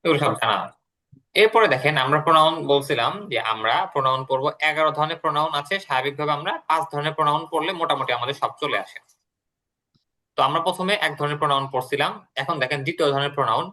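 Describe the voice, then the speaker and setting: Bright-voiced teacher explaining patiently. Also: male voice, on the high side, rapid-fire. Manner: explains patiently, repeating words and translations. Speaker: English teacher. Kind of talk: classroom lesson.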